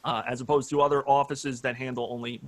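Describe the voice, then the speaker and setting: A man's voice: medium pitch, level tone, fast, no echo. Man, 30s, earnest, lots of uh fillers, video call, dry sound. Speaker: judicial candidate. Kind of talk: candidate forum answer.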